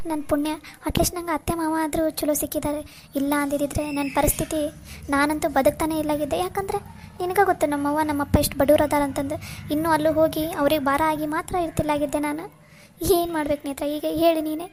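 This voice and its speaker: Girl doing a sad young wife in a cartoon, high voice, pleading. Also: level tone, a little fast, a little mellow, slight background noise, lightly acted. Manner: sorrowful, pleading, near tears.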